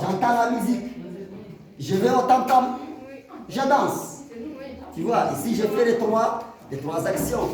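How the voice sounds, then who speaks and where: A man teaching a grammar lesson to a class, explaining with examples and putting questions to the students. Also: high-pitched. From Mauritania. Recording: echoey room from far off, crowd behind.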